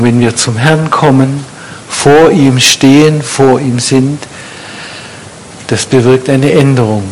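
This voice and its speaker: A man's voice: mid-range voice, slight background noise, rough recording. A man preaching a sermon in a conversational way, putting questions to his congregation.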